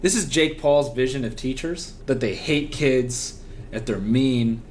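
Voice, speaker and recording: A man's voice: medium pitch, measured pace, a little hiss or hum. A man co-hosting a casual comedic podcast, joking and riffing on jokes with frequent laughter. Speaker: podcast co-host.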